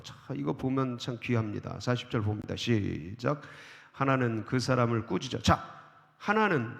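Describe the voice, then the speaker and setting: A male pastor preaching in a church sanctuary, and his gravelly voice swings widely up and down in pitch. He keeps putting questions to the congregation and then answers them himself. A long hall reverb trails every phrase. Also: fairly bright tone. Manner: reads scripture verses aloud. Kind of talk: sermon.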